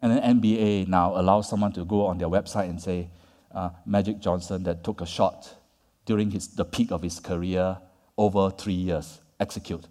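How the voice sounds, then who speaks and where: A conference speaker with a low, warm voice keeps a steady tone and moderate pace through his lecture. He addresses the audience conversationally, ending points with "right?" and "yeah?", as the large hall's long reverb rings out.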